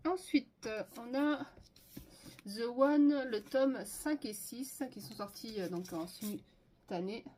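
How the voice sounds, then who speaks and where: A woman's voice: a little high, takes it slowly, dark tone, a little hiss or hum. A woman chatting casually and enthusiastically as she lists purchases in a haul video, with frequent fillers. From France. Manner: enthusiastic, listing items with many fillers. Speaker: manga haul vlogger.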